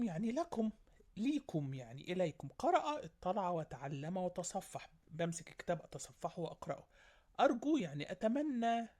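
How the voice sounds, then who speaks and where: A woman with an Egyptian accent teaching a primary school vocabulary lesson. She lists synonyms and keeps checking in with her young pupils. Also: on the low side. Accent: Egyptian Arabic.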